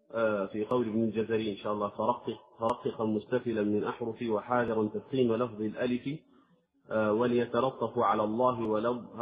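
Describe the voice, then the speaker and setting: A man teaching Quran recitation, stopping to sound out letters and words slowly and carefully. His voice sits at an ordinary middle pitch. The audio is thin and tinny, like a phone line. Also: slightly rough. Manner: demonstrates letters slowly, drawn-out examples. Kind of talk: tajweed lesson.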